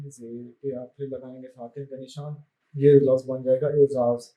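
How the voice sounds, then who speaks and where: A male teacher giving a lesson, spelling out vowel marks in a slow, careful dictation. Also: a little high, darkish tone. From Pakistan. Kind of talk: classroom lesson.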